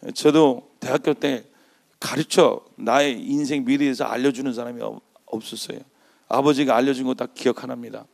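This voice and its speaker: A middle-aged man, a pastor, preaching a sermon in a church, shifting from quiet storytelling to loud shouted calls. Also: medium pitch, fairly even intonation, normal speed, vocal fry. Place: church sanctuary.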